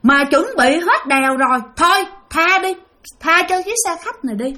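A woman's voice: extremely high pitch, expressive, normal speed, sharp tone, pitched above the performer's own voice, full character voice. A woman voicing a cautious ghost who insists the others spare the bus. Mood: insistent. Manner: insistent, pleading.

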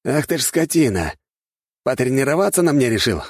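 A man's voice: medium pitch, big pitch swings, a little fast, breathy edge, no room sound, clean studio sound, pitched above the performer's own voice. A man voicing a hot-tempered young man who is exasperated with his siblings, in an audiobook. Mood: indignant. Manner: whiny, indignant outbursts.

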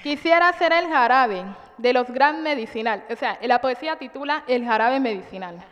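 A woman with a high, light voice recites her own rhyming verse in a measured, deliberate way. Her voice carries a long hall reverb, and the sound is a little dull. She was recorded in a community cultural house. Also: fairly bright tone. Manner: measured, rhyming delivery with hesitant asides. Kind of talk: poetry recitation.

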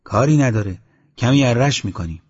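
A man's voice: mid-range voice, expressive, slightly rough. A man reading the lines of an eager young village man in an audiobook, on a dull lo-fi recording.

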